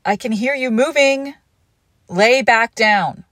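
A young woman playing a devoted girlfriend who nurses her sick partner, coaxing and protective, often dropping to a hush. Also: mid-range voice, steady tone, measured pace, no echo, studio quality. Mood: alarmed. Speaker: audio roleplay performer. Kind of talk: audio roleplay addressed to the listener.

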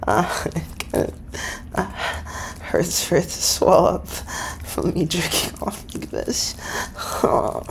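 Breathy, slow-talking man, moaning and pleading. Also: high voice, sing-song, slight background noise. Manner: moaning, shy, pleading, often whispered. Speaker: adult audio performer. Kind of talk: intimate adult audio role-play.

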